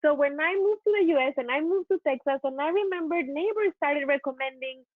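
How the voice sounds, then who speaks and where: A woman's voice: high voice, fairly quick, dry recording. A woman, telling a story animatedly in a casual panel chat over a video call and restarting her sentences often. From Mexico. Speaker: guest chef and TV host. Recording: tinny phone-like line.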